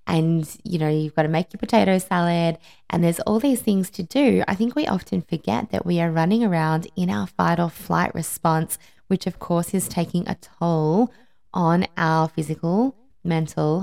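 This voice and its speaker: A podcast host who works as a life and wellbeing coach speaks conversationally and with empathy, offering personal advice and emphatically repeating words. Her voice sits on the low side, creaky and darkish, at a moderate pace.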